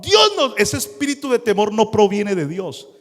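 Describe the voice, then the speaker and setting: High-voiced pastor preaching, dramatic storyteller, big hall with a long echo. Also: male voice, expressive, moderate pace, dark tone. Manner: dramatic storytelling, acting out scenes. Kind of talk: sermon.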